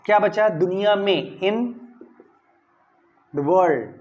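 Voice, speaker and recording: In a somewhat dull, lo-fi recording, a man who teaches English grammar delivers a classroom lesson extremely slowly, his high voice full of lively intonation. He breaks things down step by step, emphasizes key words in model sentences, and frequently asks "clear?"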